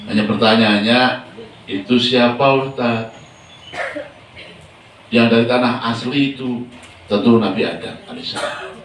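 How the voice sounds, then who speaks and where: A man's voice: medium pitch, unhurried, pauses often, slight background noise. Male preacher, casual question-and-answer sermon style, off-mic in an echoey room. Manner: chatty, asks the congregation many questions. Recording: echoey hall from a distance.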